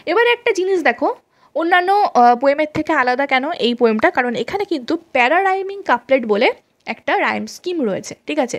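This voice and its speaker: A woman teacher giving a lecture, reading English notes slowly and then explaining them, often checking that students follow. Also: sits high. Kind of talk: classroom lecture.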